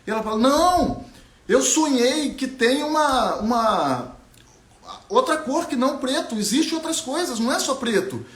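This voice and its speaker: A man's voice: very high-pitched, big pitch swings, a little slow, a bit bright, reverberant, pitched above the performer's own voice, exaggerated voice. A man voicing a stubborn young female bird who insists on what she saw, pleading and insistent.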